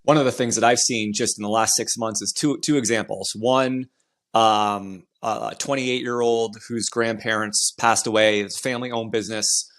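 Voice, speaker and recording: A man hosting a podcast conversation in a thoughtful, measured way. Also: lowish voice, fairly even intonation, fairly bright tone, no echo, studio quality.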